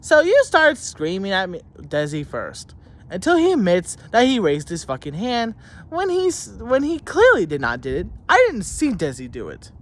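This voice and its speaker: This high-pitched male voice swings hugely in pitch at a normal speed and sounds a bit bright. It belongs to a young student telling a school story in an angry, profane rant to camera about teachers. He rambles, swears heavily and keeps restarting sentences, sounding heated, indignant and mocking.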